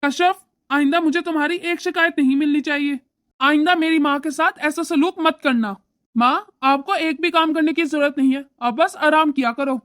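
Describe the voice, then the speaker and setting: A woman voicing a young husband in an animated family story, lecturing his wife and doting on his mother. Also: sits high, moderate pace, no echo, clean studio sound. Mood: scolding. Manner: scolding, lecturing. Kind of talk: animated moral story voice acting.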